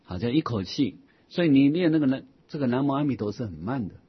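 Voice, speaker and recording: A man giving a Buddhist dharma lecture, patiently explaining a scripture and reading its quoted passages slowly and deliberately. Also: mid-range voice, expressive, husky. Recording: dull lo-fi recording.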